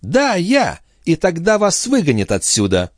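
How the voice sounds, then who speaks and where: A man's voice: a little high, wildly swooping pitch, measured pace, dry recording, studio quality, pitched above the performer's own voice. A man voicing an indignant young maid who threatens and reproaches, in an audiobook. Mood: threatening. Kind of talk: audiobook character reading.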